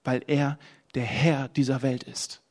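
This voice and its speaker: A young man preaching a sermon in a conversational, emphatic way, climbing to urgent peaks and then dropping to quiet, low lines. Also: flat delivery, measured pace.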